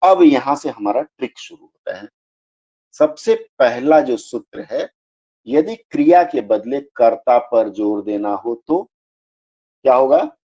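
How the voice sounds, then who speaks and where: A man's voice: mid-range voice, big pitch swings, takes it slowly, warm tone, lo-fi sound. A man teaching a live online grammar class, explaining step by step and checking that students understand.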